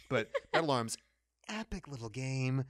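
A man co-hosting a gaming podcast, and his pitch swings widely as he talks. He rants in big exaggerated bursts, and the sound is dry and close. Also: a little slow, dry recording. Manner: animated, hyperbolic ranting. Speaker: podcast co-host. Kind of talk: casual chat.

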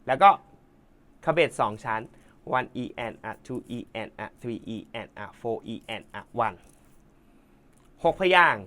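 A man's voice: medium pitch, fairly bright tone. A man teaching a drum lesson, counting beats aloud and explaining hand patterns with casual asides. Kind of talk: relaxed spoken drum lesson.

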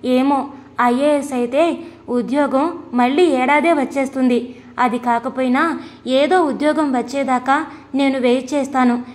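A woman's voice: high voice, fairly even intonation, measured pace, long pauses. Woman narrator doing an anxious, earnest young woman pleading with her lover in a storybook reading.

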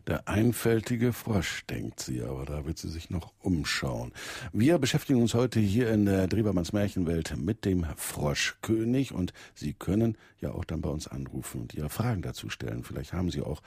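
A male radio host with a deep, gravelly voice, chatting and asking questions in a conversational way. The sound is slightly husky and dry, recorded close to the mic. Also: very animated, moderate pace, a little mellow, no room sound. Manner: conversational, hesitant with fillers. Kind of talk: radio call-in show hosting.

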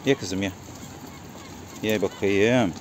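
A man's voice: on the low side, slow pace, background noise. A man at his pigeon coop, talking casually to his viewers and calling to his birds over and over. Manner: coaxing birds with repeated calls. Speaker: pigeon keeper vlogger. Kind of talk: casual vlog talk to viewers. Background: cooing pigeons.

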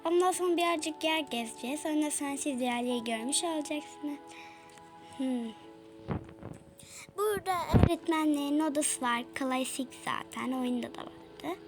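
A woman's voice: high-pitched, moderate pace, music in the background. A woman giving casual let's-play commentary, chatty and exclaiming as she talks to her viewers. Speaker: gaming YouTuber.

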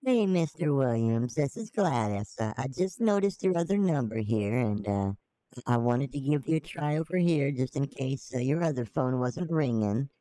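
A rambling old lady, put on by a man, leaves a voicemail, full of ums, endearments and blessings. Her voice is mellow and dark, in a dry, close sound with no room around it. She sounds fond and a little scattered. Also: mid-range voice, animated, moderate pace, dry recording, close to an everyday voice, poor audio. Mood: sweet. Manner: doting, hesitant, calls listener sweetheart. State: leaving a voicemail. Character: sweet rambling old woman caller.

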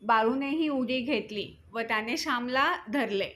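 A woman reading a moral story aloud in a measured, steady storytelling voice. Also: on the high side.

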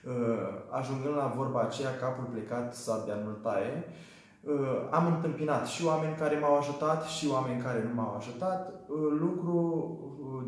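A man in his twenties from Romania, telling his story as a small business owner in an earnest, hesitant way with frequent fillers. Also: medium pitch. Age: 20s. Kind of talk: testimonial for a training video. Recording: very echoey room.

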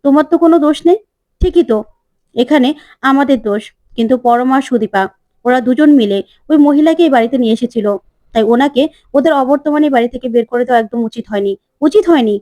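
Woman doing a distraught young man, pleading, emotional, high voice, mellow tone. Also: brisk, no echo, lightly acted. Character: troubled grown son, distraught.

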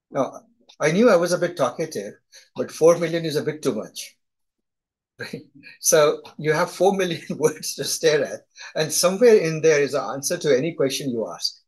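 A middle-aged instructor with a heavy Indian accent runs a live class over video call, chatting conversationally and frequently asking "right?". His voice is fairly high yet darkish in tone, and the audio quality is poor.

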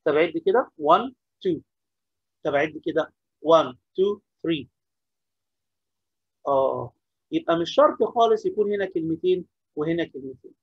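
A man's voice: on the high side, expressive, a little slow, pauses often, husky, dry recording, lo-fi sound. A man with an Egyptian accent teaching an English lesson, repeating key points and asking questions, then answering them himself. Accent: Egyptian Arabic. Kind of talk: classroom-style lesson explaining grammar.

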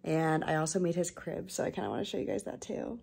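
Holding a camera as she films at home, this American woman in her twenties talks casually with viewers in her kitchen and living room. She speaks quickly in a low, slightly mellow voice that swings widely in pitch. Everyday household noise can be heard clearly behind her.

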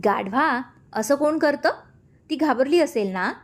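A woman's voice: high-pitched, expressive, unhurried, voice pushed up. Woman voicing a scolding fond mother. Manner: scolding, affectionate.

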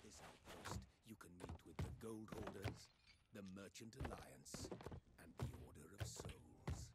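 An actor playing a dry, sardonic older male pirate who greets newcomers at a game outpost, with a gravelly voice. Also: low-pitched, measured pace, very noisy. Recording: game audio with loud music.

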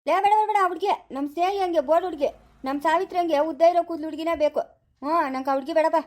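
Brisk, high-voiced village woman scolding. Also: darkish tone. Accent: rural Chikkaballapura Kannada. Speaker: family channel performer. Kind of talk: amateur village family drama.

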